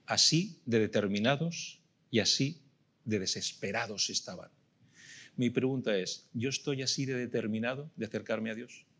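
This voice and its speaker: A man's voice: medium pitch, fairly bright tone. A middle-aged man with a Spanish accent from Spain preaching a sermon, emphatic and full of rhetorical questions that he repeats for weight. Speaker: pastor.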